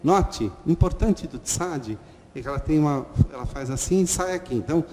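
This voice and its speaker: A man teaching a lesson slowly and patiently, repeating sounds and checking in with "ok?". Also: a little high, animated, warm tone. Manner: slow, patient, repeats letter sounds, frequent "ok?". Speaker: Hebrew teacher. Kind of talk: online lesson at a whiteboard. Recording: long reverb and faint noise.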